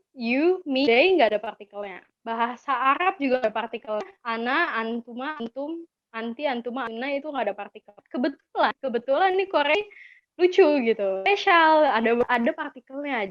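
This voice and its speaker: A woman with an Indonesian accent teaches languages in a webinar, chatty and encouraging, repeating key words for her learners. Her voice is a little high, with no room sound, though the webinar audio is dull and lo-fi.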